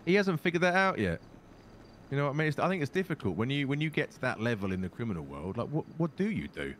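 Fast, animated British man, fairly low. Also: a little hiss or hum. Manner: sweary and matey. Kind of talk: improvised in-character game chat.

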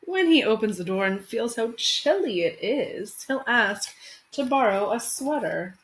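Recorded on a home webcam in a small room, with faint noise and low quality, a thirty-something elementary teacher addresses children in a fairly high, bright, very animated voice. She takes her time, speaking simply and expressively as though reading a picture book.

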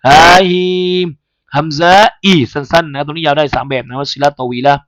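A man with a Thai accent teaching Quran recitation, chanting letters slowly in a melody and explaining pronunciation in a lesson. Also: a little high, steady tone, fairly bright tone, dry recording. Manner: slow melodic spelling chant, then brisk explanation. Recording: dull lo-fi sound.

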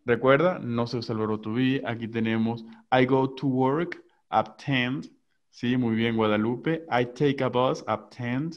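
A man's voice: medium pitch, fairly even intonation. Man teaching English over a dull call line. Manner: switches between slow English examples and quick Spanish explanations. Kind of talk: online class.

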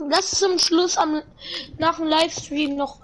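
A woman's voice: very high-pitched, steady tone, a little slow, fairly bright tone, slight background noise. A young woman casually chatting and joking with a friend while livestreaming a console game. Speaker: livestream host. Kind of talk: casual gaming stream chat.

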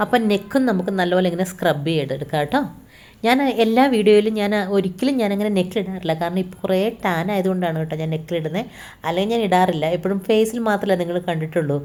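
A woman's voice: fairly low pitch, fast talker, darkish tone. A woman from Kerala with a Malayali accent, chatting casually through a home beauty vlog and often checking in with her viewers. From Kerala, India. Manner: chatty, often ends lines with a tag asking the viewer. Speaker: beauty vlogger. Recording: echoey room.

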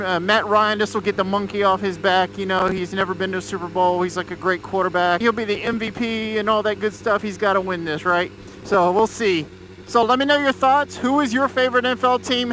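A man's voice: high-pitched, sharp tone. An American man in his thirties from Georgia chats casually from inside his helmet while riding a motorcycle. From Georgia, United States. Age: 30s. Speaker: motorcycle vlogger. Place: outdoors on a moving motorcycle. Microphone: mic inside a helmet. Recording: muffled helmet mic with road noise.

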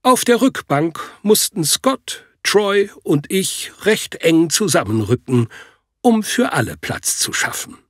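A man narrating a first-person detective audiobook. His voice is slightly husky, lively in pitch and slow-paced, recorded dry and close. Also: dry recording. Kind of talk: scripted narration.

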